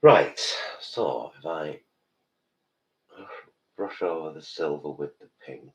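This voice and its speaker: Deep-voiced campy British man in his fifties. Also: slow, darkish tone, muffled recording. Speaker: drag queen streamer. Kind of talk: casual live makeup chat, thinking aloud. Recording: roomy, distant, noisy background.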